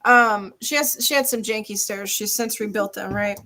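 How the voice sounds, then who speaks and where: A woman hosting a casual group call, telling a story in an animated, chatty way with quick asides. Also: medium pitch. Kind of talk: casual chat.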